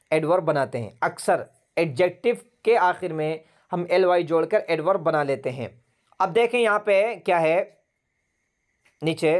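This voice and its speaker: A man teaching an online English grammar class over a video call, patiently repeating words and spelling them out letter by letter. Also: sits high.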